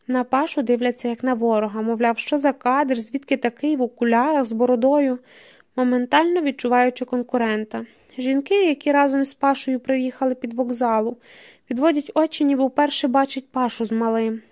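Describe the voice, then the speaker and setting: High-voiced woman reading a novel. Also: fairly even intonation, fairly quick, a little mellow. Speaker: audiobook narrator. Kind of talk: scripted audiobook narration.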